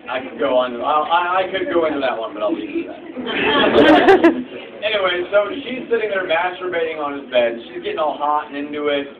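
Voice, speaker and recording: A man's voice: fairly high pitch, lively intonation, fairly quick, roomy sound. A man telling crude, joking stories to a room full of people, swearing and laughing often. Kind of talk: crude comedic talk to a room. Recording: distant, tinny recording with loud crowd.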